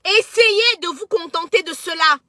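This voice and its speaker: Cameroonian woman in her thirties, high-pitched and sharp, preachy social media rant, dry close sound. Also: normal speed, no room sound. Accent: Cameroonian French. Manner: impassioned, preachy, stumbles and repeats words. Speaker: social media personality and entrepreneur. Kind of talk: emotional direct-to-camera social media monologue.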